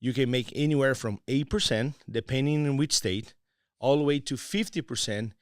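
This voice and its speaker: A Brazilian-accented man speaks as a guest on a casual podcast. His voice sits at an ordinary middle pitch. He moves between playful teasing and earnest pitching. The sound is dry and close. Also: normal speed, dry recording. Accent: Brazilian Portuguese. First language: Portuguese.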